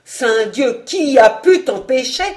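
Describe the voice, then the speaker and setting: A reader voicing a furious, scheming male nobleman in an audiobook, shouting and cursing. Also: medium pitch, measured pace, lightly acted. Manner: shouting, blasphemous outbursts. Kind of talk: audiobook character reading.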